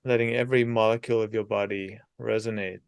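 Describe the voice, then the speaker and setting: A man guides a meditation soothingly and without hurry, leaving long pauses between short phrases. His voice is lowish and smooth, with fairly even intonation and some vocal fry, and there's no echo.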